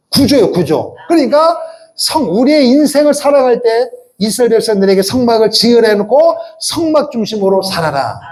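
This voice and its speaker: Pastor guy preaching, pretty high voice, swoops up and down a lot, keeps asking the crowd questions. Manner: animated preaching with rhetorical questions and call-and-response. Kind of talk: sermon.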